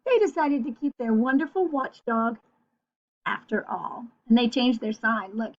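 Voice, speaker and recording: Reading to little ones in a lively, playful way, this woman speaks at a fairly high pitch and a measured pace, stopping now and then to put questions to her audience. The sound is muffled and lo-fi.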